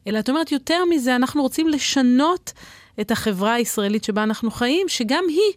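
A woman's voice: high-pitched, animated, no echo, clean studio sound. A woman with an Israeli accent hosting a radio interview, putting thoughtful questions to a guest.

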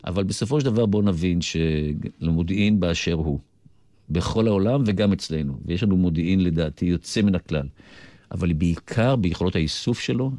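Older israeli guy, deep voice, telling old stories on the radio, wanders into asides, dry close sound. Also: mellow, dry recording. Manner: deliberate storyteller who digresses into asides. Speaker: interview guest, retired military intelligence officer. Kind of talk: reminiscing in a radio interview.

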